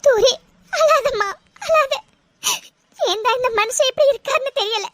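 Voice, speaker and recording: A woman's voice: very high voice, a little slow, a bit bright, no echo. A woman voicing an exasperated caring mother. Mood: comforting. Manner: scolding, comforting. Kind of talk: cartoon voice acting.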